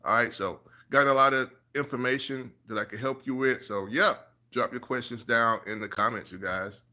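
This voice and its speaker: Bright-voiced man coaching on a live stream. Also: mid-range voice, fairly even intonation, moderate pace. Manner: encouraging, repeats "all right" and "you guys". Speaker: passive income coach. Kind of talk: casual live stream talk.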